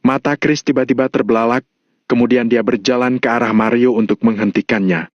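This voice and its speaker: A man narrating a novel in a steady, even voice. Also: mid-range voice, brisk, dry recording, muffled recording. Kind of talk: novel reading.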